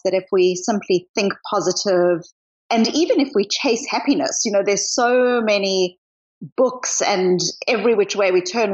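A woman's voice: mid-range voice, dull audio. A middle-aged woman from South Africa with a mixed accent, a psychologist speaking thoughtfully as a guest in an interview. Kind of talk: interview conversation.

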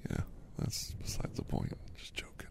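At normal speed and in a natural voice, a male ASMR host does a whispered role-play as a chatty doctor in his fifties giving a massage, rambling easily in a half-whisper.

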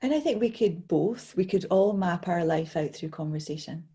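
Woman host with a mellow, dark tone, reflective and agreeable in relaxed conversation. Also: fairly low pitch, moderate pace. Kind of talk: casual chat.

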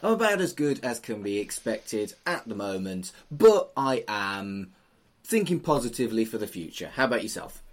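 A man's voice: fairly low pitch, big pitch swings, normal speed. A middle-aged man, hosting a podcast in an informal, teasing, chatty way. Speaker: podcast host, funeral celebrant.

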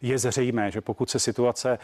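A man serving as a minister speaks formally and with measured phrasing in a studio debate. He turns indignant at interruptions. His pitch sits in the ordinary middle range. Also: fairly even intonation, a little mellow. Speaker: government minister and deputy party chair. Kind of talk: political debate.

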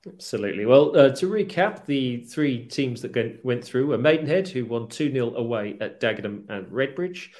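A man hosting a casual sports podcast, presenting in a halting, hesitant way. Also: medium pitch, expressive, darkish tone. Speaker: podcast host.

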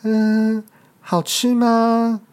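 A storyteller voicing a small, kind young pterosaur in a picture-book story, high and sweet. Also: monotone, very slow, a little mellow. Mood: chatty.

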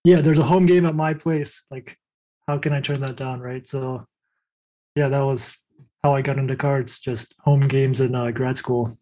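A man's voice: medium pitch, fairly even intonation, moderate pace, mellow. A young adult man telling his story casually as a podcast guest. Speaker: podcast guest, poker coach.

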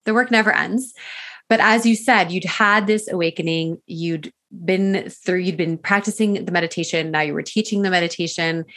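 A woman's voice: lowish voice, steady tone, moderate pace, few pauses, a bit bright. A woman hosting a podcast, speaking in an encouraging, reflective way to her guest and listeners. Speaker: podcast host. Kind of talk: podcast interview.

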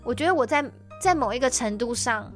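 A woman's voice: on the high side, lively intonation, brisk, faint music behind. Intense Taiwanese woman telling a story. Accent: Taiwanese Mandarin. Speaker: podcast host telling her story. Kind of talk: casual podcast chat, personal story.

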